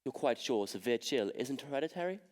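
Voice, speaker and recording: A young man acting a weary, proper gentleman in a school stage comedy, with a dry delivery. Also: medium pitch, animated, brisk, lightly acted. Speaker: stage actor in a school play.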